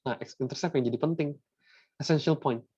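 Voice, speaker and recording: Chatty Indonesian-accented maths teacher. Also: male voice, on the high side, fairly quick, dark tone, husky, no echo. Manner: casual, chatty, asks for confirmation often. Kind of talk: classroom lesson mixing Indonesian and English. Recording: dull, dry sound.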